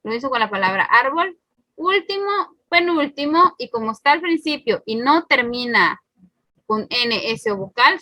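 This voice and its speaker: A woman's voice: high-pitched, bright, forceful tone, dry recording. A woman teacher giving a recorded spelling lesson, patiently explaining each rule step by step and repeating it. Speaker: primary school teacher.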